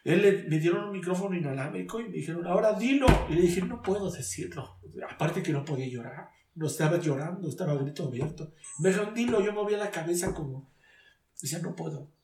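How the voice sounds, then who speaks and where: A man on the high side in pitch but with a darkish tone talks fast as he gives an emotional personal testimony of faith. Earnest and searching, he often begins his sentences again; the distant mic picks up an echoey room and a little hiss or hum.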